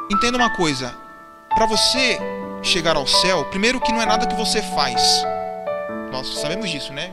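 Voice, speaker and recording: A man preaching a sermon in church, asking the congregation questions and answering them himself. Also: high-pitched. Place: church hall. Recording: church sermon with long reverb and faint music.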